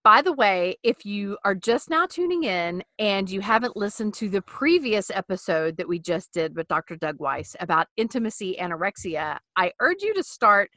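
Woman, podcast host, playful, lively pitch, dry close sound. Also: normal speed, few pauses, dry recording. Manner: laughs often, animated and playful. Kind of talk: casual podcast chat.

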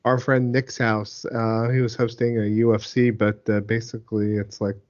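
A man co-hosting a casual gaming podcast, his voice gravelly from a mild virus. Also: fairly low pitch, flat delivery, normal speed, highs cut off. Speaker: podcast co-host.

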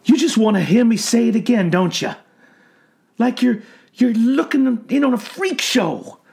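Man doing a broken, mumbling old asylum inmate, strained and high, storybook reading. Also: expressive, a little slow, creaky, full character voice. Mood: bitter. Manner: mumbling, folksy, anguished. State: sobbing. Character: broken old male asylum patient, haunted.

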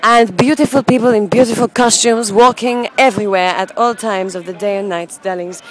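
A woman plays a brash cabaret diva sending a comic audio postcard. She is theatrical and gushing, treating every listener as a darling, and chats in a medium-pitched voice. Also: steady tone, normal speed, lightly acted. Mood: gushing, catty. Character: flamboyant, brash female cabaret diva Bernadette. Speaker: cabaret performer. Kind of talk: in-character comic audio postcard, bantering with a partner.

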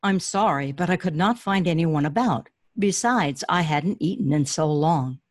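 A woman's voice: sits low, moderate pace. A woman reading a storybook aloud, voicing a frightened young prince who pleads for his life in a raised voice. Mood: pleading.

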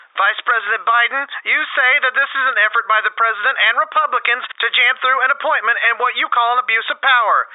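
A man doing a high-voiced fed-up moderator. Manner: exasperated, cursing. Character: exasperated male debate moderator, short-tempered. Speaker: podcast host. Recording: tinny phone-like dry sound.

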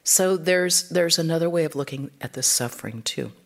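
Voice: mid-range voice, normal speed, creaky. A spiritual teacher giving an informal talk, speaking conversationally and acting out the quotes in the stories.

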